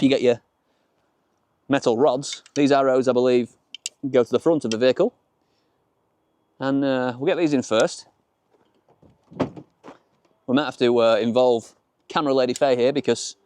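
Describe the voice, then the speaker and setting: A man from Yorkshire, England, speaking in a medium-pitched, slightly mellow voice, presents a chatty car vlog packed with colloquial British slang. He's outside in and around a small open-top car, and the recording is noisy with car and outdoor ambience.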